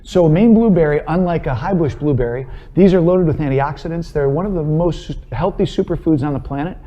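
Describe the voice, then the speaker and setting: Middle-aged male chef, warm and slightly high, dull lo-fi audio, enthusiastic cooking-demo talk. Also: brisk. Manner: explanatory, enthusiastic. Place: studio kitchen set.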